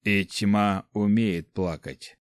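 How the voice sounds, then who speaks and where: A man reading a weeping dark mage who pleads with a dying woman, in an audiobook. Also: lowish voice, takes it slowly, dry recording, studio quality. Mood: grieving. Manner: strained, tearful pleading.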